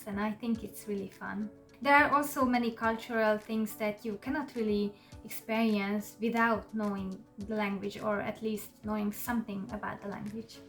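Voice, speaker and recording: A channel host whose native language is Hungarian speaks English to the camera in a relaxed, casual, chatty way, sprinkling in soft fillers. Her voice is medium in pitch.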